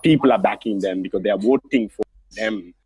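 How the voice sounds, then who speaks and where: A man's voice: lowish voice, brisk, darkish tone, breathy edge, poor audio. A man guest in a casual online interview, talking earnestly and encouragingly in simple phrasing over a call.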